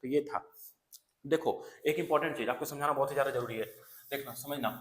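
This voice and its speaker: This exam coaching lecture comes from a male teacher with a mid-range voice who speaks quickly. Key terms get repeated again and again, and he checks in with his students often, saying "है ना" and "clear". The recording has a roomy quality.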